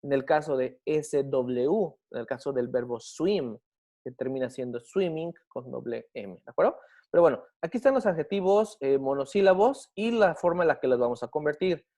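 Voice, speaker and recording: Male English teacher with a slightly high voice. Patient, methodical classroom explainer who stops often to check understanding. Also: animated, a little mellow. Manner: slows down to spell and model English words. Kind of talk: explaining grammar in a recorded class.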